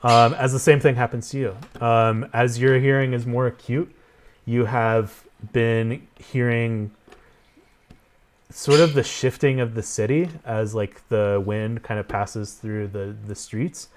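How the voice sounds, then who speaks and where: A man runs a tabletop game as its game master, at an ordinary middle pitch for a man. His narration stops and starts, full of fillers as he feels his way through each scene. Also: steady tone. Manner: halting, filler-heavy narration.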